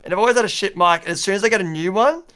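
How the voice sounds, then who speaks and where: A man's voice: high-pitched, racing, bright, forceful tone, clear, resonant tone. A man calling in to chat, laid-back and hesitant, full of fillers and swearing. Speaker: caller. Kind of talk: casual chat.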